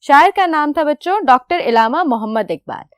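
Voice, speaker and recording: A young woman teacher with a fairly high, lively voice that swings up and down as she explains. She patiently puts questions to the children and answers them herself. The recording is close and dry, with no room sound. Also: normal speed, no room sound. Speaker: school teacher. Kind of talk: recorded classroom lecture.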